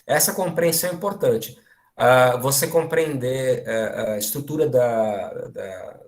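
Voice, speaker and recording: A man from Brazil giving an online academic lecture, lively and full of fillers and restarts. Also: medium pitch. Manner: animated, many fillers and restarts.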